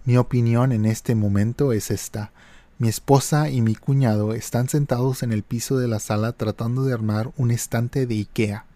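A man's voice: mid-range voice, steady tone, normal speed, mellow, dry recording. Man hosting a story podcast, dry. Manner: conversational, hesitant fillers while commenting. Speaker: podcast host. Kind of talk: reading online posts aloud and commenting.

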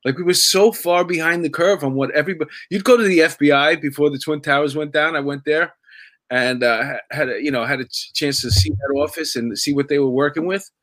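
A man with a slightly raised pitch hosts a casual podcast. He rambles through old police stories, restarting lines and laughing often. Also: a little fast, fairly bright tone. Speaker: podcast host, former detective.

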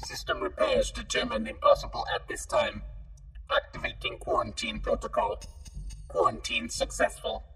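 A glitching computer voice issues clipped, flat announcements through a stuttering robotic filter. It sits extremely high and piercingly bright, swinging wildly in pitch, with a long reverb trail and music underneath. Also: male voice, moderate pace, vocal fry, exaggerated voice. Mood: mechanical. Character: glitching, malfunctioning computer system voice. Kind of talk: scripted show intro.

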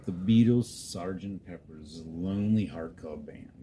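A man with a low, warm voice hosts a casual podcast at a measured pace, reading out listener responses, swearing freely, and tripping over names. There's noticeable noise in the background.

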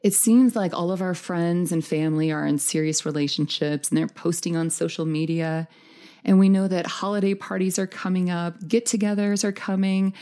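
As a podcast host, a woman gives scripted dating and relationship advice, upbeat and encouraging, laying out her points tidily. Her voice is mellow and rather low, with plenty of vocal fry.

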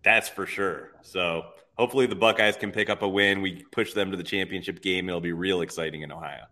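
A man's voice: deep voice, steady tone, a little fast, pushed and bright. A man appearing as a guest on a live betting show, talking through his picks in an upbeat, easygoing way. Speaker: sports bettor guest. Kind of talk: casual chat on a live show.

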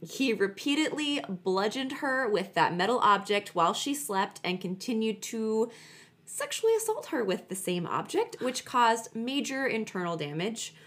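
A woman's voice: on the high side, big pitch swings, moderate pace, fairly bright tone. A woman co-hosting a podcast, telling true crime stories in a chatty, emphatic way and repeating words for stress. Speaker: podcast co-host.

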